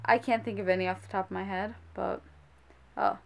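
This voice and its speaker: A woman's voice: medium pitch, steady tone, brisk, creaky. A woman on a casual rant as a sandwich shop worker, exasperated and scolding, speaking emphatically.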